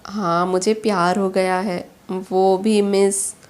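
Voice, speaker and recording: A woman's voice: mid-range voice, little pitch movement, takes it slowly, darkish tone, close to an everyday voice. A woman reading an earnest young boss, pleading. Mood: teasing. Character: young male boss, remorseful and smitten. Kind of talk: storybook character reading.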